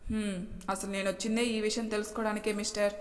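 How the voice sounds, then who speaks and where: A woman voicing a proud young woman who talks in a brisk, teasing way. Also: medium pitch, little pitch movement, close to an everyday voice. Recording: long hall reverb.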